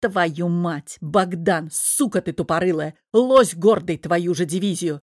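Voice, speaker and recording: A woman voicing a blunt, foul-mouthed male friend, reading him in a rough, bossy way in an audiobook. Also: on the low side, normal speed, no echo, clean studio sound, close to an everyday voice. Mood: yelling. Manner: crude, swearing, bossy. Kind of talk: audiobook character voice.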